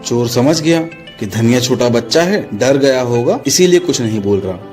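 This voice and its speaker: A man's voice: medium pitch, lively intonation, normal speed, a little mellow, faint music behind. A man narrating a comic story in a plain, matter-of-fact way. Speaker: joke narrator.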